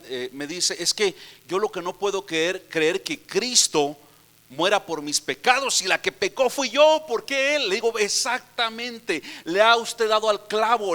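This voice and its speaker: A middle-aged Mexican man preaching a sermon as a pastor, telling stories quietly and then urging the youth loudly. He says he is short on sleep. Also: high voice. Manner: storytelling preacher, shifts from quiet retelling to loud exhortation. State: tired.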